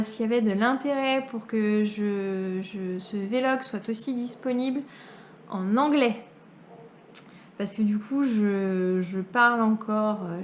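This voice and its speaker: A woman's voice: fairly high pitch, a little hiss or hum. A young Frenchwoman from France chatting casually as a knitting vlogger, with many hesitations and frequent laughs. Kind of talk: casual chat.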